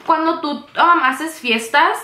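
A man's voice: very high-pitched, unhurried, bright, forceful tone, pitched above the performer's own voice, exaggerated voice. A young woman quoting a gossipy older male neighbor who calls her mija, in a roomy room. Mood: sly. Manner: casual, speaks Spanish, calls her mija. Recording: roomy room, faint noise.

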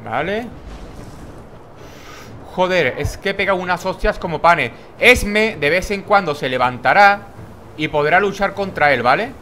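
Young Castilian Spanish man, gameplay commentary, bright tense voice, slightly high pitch, faint noise, swears a lot, tired. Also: expressive, unhurried. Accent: Spain, Castilian. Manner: swearing, chatty, jokey. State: tired late at night. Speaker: gaming YouTuber.

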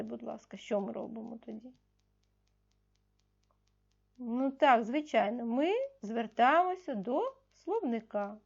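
A woman primary school teacher giving a recorded video lesson to young pupils, patiently asking questions and answering them herself, slowly stressing key words. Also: high-pitched, a little mellow, highs cut off.

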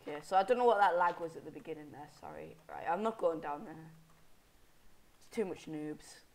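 Sniffling from a cold, this young man comments briskly on his game in a fairly high, darkish voice. His talk wanders and doubles back on itself, and he pretends to be furious with the enemies.

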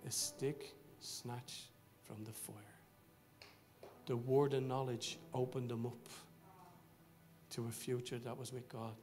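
A middle-aged man with a Dublin accent, a pastor telling a story in a sermon, swinging between loud excitement and low, hushed confiding. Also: slow pace, faint music behind. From Dublin, Ireland. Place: church service.

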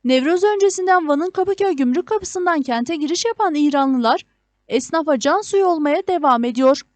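A woman's voice: high voice, lively intonation, moderate pace, darkish tone. A woman reading a scripted news report as a reporter's voice-over.

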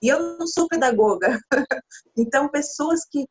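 Soft music plays in the background as a Brazilian missionary in her thirties talks earnestly at a moderate pace in a high voice, using expressive hand gestures. She is an interview guest on a video call from a small room, sitting with her husband, heard through a laptop camera mic with dull lo-fi quality.

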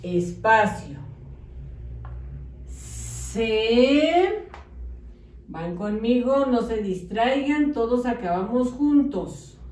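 A woman teaching young children to read and write, dictating words slowly and clearly, gently praising and coaxing them, with a Mexican Spanish accent. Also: on the high side. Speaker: primary school teacher. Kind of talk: slow, patient early-literacy lesson. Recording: echoey room, voice a bit far from mic.

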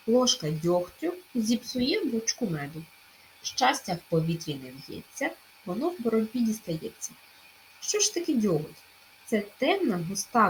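A woman teaching a primary school language lesson in a recorded remote class, clearly stressing each sound as she dictates. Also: mid-range voice, a little hiss or hum, poor audio.

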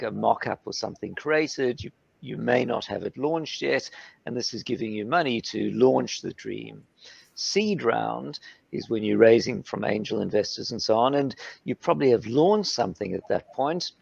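A middle-aged man on a panel video call, explaining funding stages in a lively way and acting out founder and investor exchanges. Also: mid-range voice, vocal fry, breathy edge, dry recording. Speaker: panelist, startup legal platform founder. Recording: dull, slightly lo-fi video call audio.

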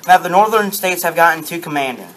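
A man's voice: fairly high pitch, fairly quick, a bit bright, natural voice, poor audio. A young man voicing a proud Confederate statesman in an amateur sock-puppet show, with stiff, recited lines. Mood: proud, earnest. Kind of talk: amateur puppet-show role-play, scripted. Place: darkened room with projection screen, puppeteers low at front.

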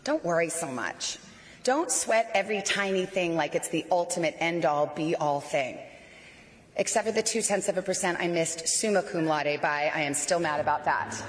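A woman in her forties from Arizona delivers a commencement speech into a podium mic inside a large outdoor graduation tent, her fairly low voice moving at a normal speed. The hall-like space carries her warm, playful, rousing oratory.

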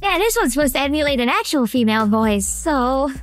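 A speaker talking through a voice changer filter that shifts the voice higher and makes it sound female, in casual, amused, rambling chat during a tabletop game. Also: big pitch swings, fairly quick, soft background music.

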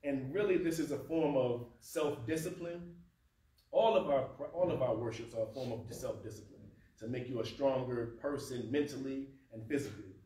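Fasting has left this speaker's mouth dry as he gives a casual teaching talk at a mosque: a man in his thirties with a mid-range voice, whose first language isn't Arabic. He gestures at a lectern in a carpeted prayer room, conversational and lively. Picked up by a far camera, the sound is distant and roomy with a faint hum.

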